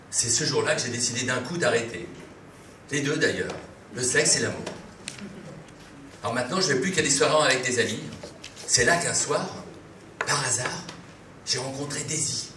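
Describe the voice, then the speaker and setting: A man telling a comic story live, in a playful, halting way, with many fillers. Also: medium pitch, animated. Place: live venue. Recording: echoey room, distant mic, faint noise.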